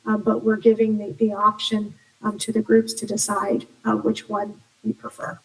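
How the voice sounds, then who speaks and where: A woman joining a bargaining meeting remotely, explaining options in an even, careful way with some hesitation. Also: mid-range voice, moderate pace, far from the mic, low-quality recording.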